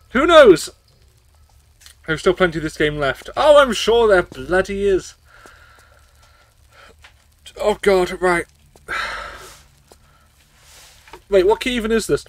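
Bright-voiced swearing man streaming a game. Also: high-pitched, lively intonation, slow, pauses often, no room sound. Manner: swearing, rambling, tipsy from drinking shots. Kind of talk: casual gameplay commentary.

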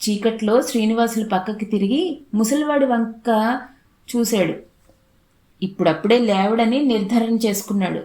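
A woman narrates an audiobook story at a steady, unhurried pace. Her voice sits slightly high. The recording has a noticeable room echo.

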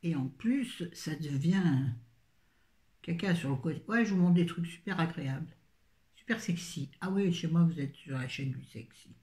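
A woman's voice: sits low, lively intonation, normal speed, dark tone, reverberant. An older woman reviewing books in a casual, rambling chat full of self-mocking asides. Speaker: book vlogger.

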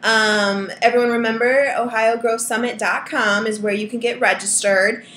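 A friendly young woman hosts an interview over a webcam video call, chatty and full of fillers. Her voice sits a little high. The room sounds echoey, with a faint hiss underneath. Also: steady tone, normal speed, fairly bright tone. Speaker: interview host. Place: indoor room at home. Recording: roomy webcam audio, faint noise.

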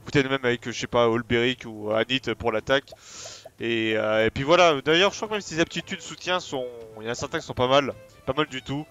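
A man giving casual, excitable commentary on a video game, rambling with slang and many fillers. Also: mid-range voice, fairly quick, clear, resonant tone, lo-fi sound, soft background music. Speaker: let's play host.

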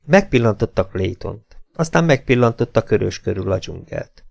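A man narrating an adventure audiobook in a dramatic, measured storytelling manner. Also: on the low side, lively intonation, gravelly, a little mellow.

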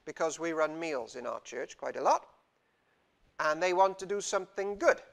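A young man from Wales preaches an informal, chatty, self-deprecating sermon as a visiting preacher in a small indoor church hall, gesturing freely and recorded on a lapel mic. His voice is a little high, creaky and fairly bright, with lively intonation at normal speed.

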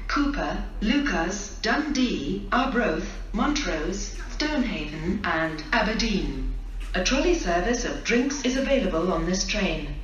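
A woman's recorded voice on a railway platform loudspeaker, listing stops in a clipped, even rhythm. The sound rings out across a very echoey space and is heard from afar. Platform noise runs underneath the announcement. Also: medium pitch, muffled recording. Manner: clipped, evenly paced announcing. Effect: station loudspeaker announcement. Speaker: station announcer. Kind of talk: automated train announcement. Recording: echoey platform, far off, noisy.

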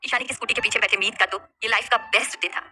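A woman narrating a romance story in a lively, expressive scripted reading. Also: on the high side, quick pace, a little hiss or hum.

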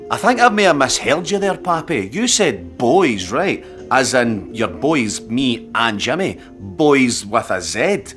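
A man's voice: sits high, big pitch swings, fairly quick, few pauses, a bit bright, faint music behind. An actor playing an anxious, scheming middle-aged Scottish father in a comedy sketch, blustering and fretful. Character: anxious scheming Scottish dad, blames his son.

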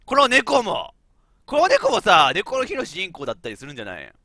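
A man's voice: sits high, a little fast, no room sound, studio quality. A man with a giving chatty, laughing let's-play commentary as a game streamer. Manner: animated, chatty, laughs often, talks to himself.

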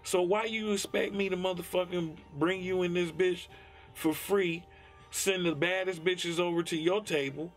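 A Detroit rapper with a Detroit accent talks candidly in a relaxed interview, blunt and profane, dropping "you know what I'm saying" again and again. His voice sits high with fairly even intonation and a moderate pace, and faint music plays in the background.

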